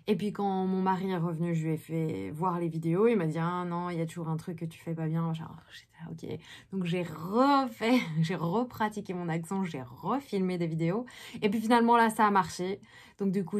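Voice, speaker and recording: A woman in her thirties, originally from Belgium, talks through her day in a relaxed vlog. Her voice sits fairly low, and she fills her sentences with hesitations as she chats. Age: 30s. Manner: chatty, many fillers. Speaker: actress vlogger. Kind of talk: casual daily vlog.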